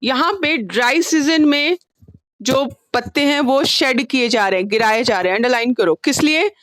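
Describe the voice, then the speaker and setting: A woman's voice: sits high, normal speed, a bit bright, no echo. A woman teaching an online class, patient and coaxing with her students, mixing English terms into her talk over a video call. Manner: mixes Hindi with English terms.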